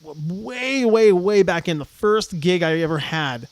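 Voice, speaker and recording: A middle-aged man co-hosting a casual podcast, telling animated stories. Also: high-pitched, a little slow. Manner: animated storyteller. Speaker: co-host.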